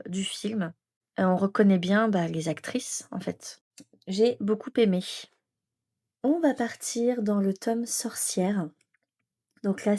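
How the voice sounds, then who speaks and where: A woman's voice: mid-range voice, darkish tone. A woman chatting casually and enthusiastically as she shows her coloring work, with many fillers and restarts. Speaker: coloring vlogger. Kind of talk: casual show-and-tell chat.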